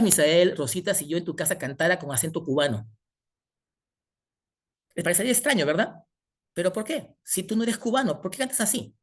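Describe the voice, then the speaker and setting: A man preaching a sermon, asking the congregation rhetorical questions as he teaches. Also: high-pitched.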